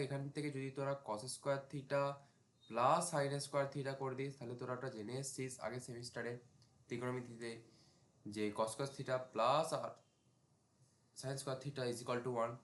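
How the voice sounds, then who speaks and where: A man's voice: medium pitch, fairly bright tone, roomy sound. Man teaching a math class. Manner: talks students through steps while writing, asks them checking questions. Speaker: math tutor. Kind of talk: casual classroom lecture.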